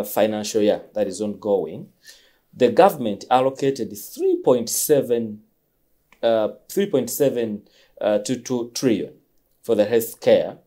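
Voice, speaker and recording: A man's voice: lowish voice, mellow. A man hosting an interview, asking probing questions with frequent hesitations and murmured backchannels. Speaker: interview host.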